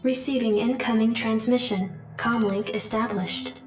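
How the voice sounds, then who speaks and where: A calm female military computer in a video game. Her filtered voice echoes from a distance over loud music. Every report is clipped, formal and without emotion. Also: on the high side, normal speed. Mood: flat, formal.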